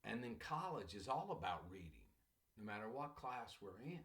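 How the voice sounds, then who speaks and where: Slightly low-voiced male professor lecturing. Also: very animated, moderate pace, vocal fry, a bit bright. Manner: conversational storytelling, addresses listeners as "class". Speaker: college English professor. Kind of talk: classroom lecture.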